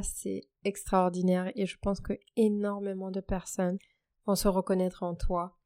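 A woman hosting a casual interview, praising her guest warmly and then asking her to say more. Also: mid-range voice, no echo, clean studio sound. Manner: effusive praise, then a gentle question to the guest. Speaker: podcast host.

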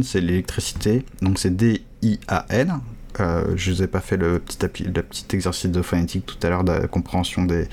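Halting man teaching a casual language lesson. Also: sits low, darkish tone, slight background noise. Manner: hesitant, halting, with many restarts and casual slang.

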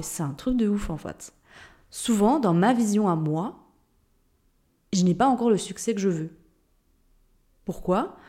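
Speaking straight to her audience, a mindset coach from Switzerland hosts her own podcast in a relaxed, conversational style. She has a Jura Swiss French accent and a medium-pitched, dark-toned voice.

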